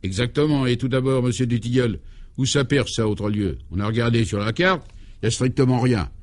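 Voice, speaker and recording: A man playing a young newspaper reporter in a vintage radio comedy, with a wry, deadpan way of speaking. The voice stays close to the performer's own plain delivery. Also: medium pitch, fairly quick, lightly acted.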